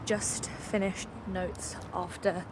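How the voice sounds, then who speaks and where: A young woman vlogger walks down a street chatting casually into a handheld phone, using plenty of fillers. Her mid-range voice is level and slow, and street noise fills the phone recording.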